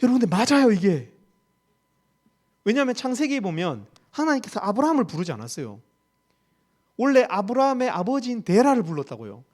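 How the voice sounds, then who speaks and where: Gyeongsang-accented male preacher, high voice, emphatic, lots of rhetorical questions. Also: sing-song, fairly quick, pauses often, a little mellow. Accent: Gyeongsang Korean. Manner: emphatic, rhetorical questions, repeats key phrases. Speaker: campus ministry staff preacher. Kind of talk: sermon.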